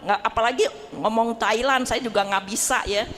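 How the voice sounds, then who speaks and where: A woman's voice: on the high side, moderate pace, in a large hall. A middle-aged woman telling a personal testimony in a casual, chatty way, acting out the voices in her story. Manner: chatty, animated, acts out quoted voices, laughs often. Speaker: parish group member sharing testimony. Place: church hall.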